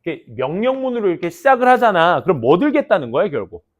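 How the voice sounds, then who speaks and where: A middle-aged man teaching an English class, talking to students in a lively, playful storytelling way. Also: high-pitched, fast talker, muffled recording. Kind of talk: lecture to students.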